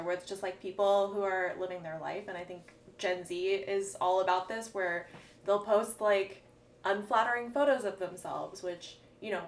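A woman hosting a casual podcast conversation, relaxed and musing, with many "um"s and small laughs. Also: mid-range voice. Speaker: podcast host. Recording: roomy, distant mic with faint background noise.

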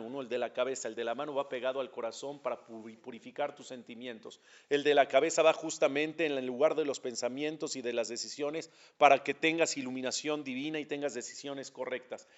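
A man teaching a religious lesson as a rabbi, asking questions and answering them himself. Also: medium pitch. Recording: dull lo-fi recording.

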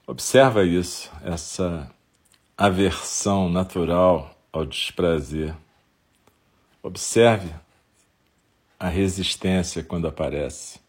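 A man with a Brazilian accent and a husky voice leading a guided meditation in short, unhurried phrases with long pauses. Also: low voice.

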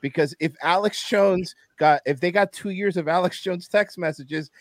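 Speaking at normal speed in a fairly high voice, this man is a native Spanish speaker appearing as a guest on a podcast for a casual political chat. He laughs a lot and keeps breaking into mocking voices with plenty of animation. The recording is dry.

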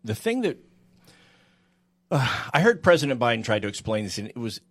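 A man's voice: medium pitch, big pitch swings, brisk. A man in an unscripted legal radio discussion, explaining his argument point by point and repeating phrases. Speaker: legal talk radio panelist.

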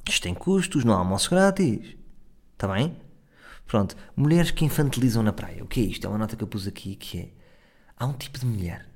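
A man's voice: fairly low pitch, darkish tone. A man in his thirties with a European Portuguese accent, delivering a crude, sardonic and rambling comic monologue as host of his own podcast. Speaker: comedian host.

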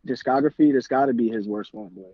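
A man's voice: medium pitch, fast talker, no room sound, dull audio. A young man in casual debate with friends, talking in laid-back, slangy bro talk. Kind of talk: casual hip-hop album debate.

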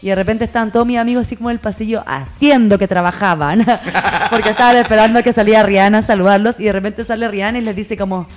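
A woman with a Chilean accent, telling backstage stories in a casual podcast chat, animated and laughing. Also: mid-range voice, faint music behind. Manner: animated storytelling, quick and laughing.

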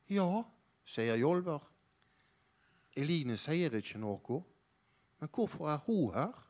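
A man reading a children's book aloud in a calm, even narrating manner. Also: a little high. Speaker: reader.

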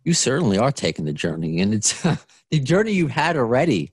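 Brisk and breathy-edged, this late-thirties podcast host has a medium-pitched voice with big pitch swings. He keeps the casual interview chatty, laughing frequently and starting sentences over, with no echo on the recording.

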